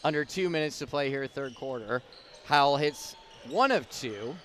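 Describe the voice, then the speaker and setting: A man's voice: mid-range voice, moderate pace. A man calling live basketball play-by-play in clipped running descriptions from courtside in a gym. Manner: clipped running descriptions that rise in excitement with the action. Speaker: play-by-play sports announcer. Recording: noisy gym with bouncing balls.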